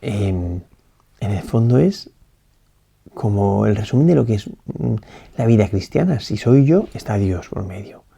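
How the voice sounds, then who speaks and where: A priest gives a slow, reflective meditation, as if thinking aloud. His voice is mellow and dark with a gravelly edge. He keeps checking in with a questioning tag and restarts his phrases as he goes. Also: lowish voice, lively intonation. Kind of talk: spoken meditation on a gospel passage.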